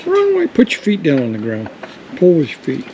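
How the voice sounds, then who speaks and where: A man's voice: on the high side, huge pitch swings, moderate pace, highs cut off, noisy background. A man hosting a garage build video, chatting and teasing his helper in casual shop talk. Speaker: host of a rat rod build video. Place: home garage workshop.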